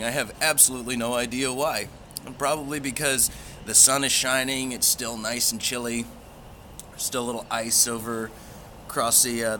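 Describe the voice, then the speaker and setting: A man's voice: medium pitch, bright, forceful tone, a little hiss or hum. A man chatting casually to a livestream as a pipe hobby vlogger, in a rambling, easygoing way with folksy phrasing.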